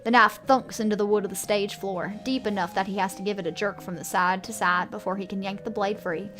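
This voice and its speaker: A woman's voice: mid-range voice, steady tone, a little fast, over music. A woman streaming a video game, reading its story text aloud and reacting casually as she plays.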